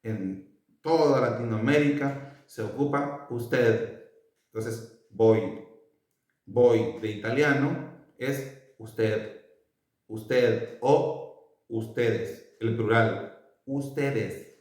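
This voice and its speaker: A man from El Salvador with a Salvadoran Spanish accent, giving a casual language lesson and repeating each word slowly for his learners. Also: medium pitch, a little mellow. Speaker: language teacher. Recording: very echoey room, voice far from mic.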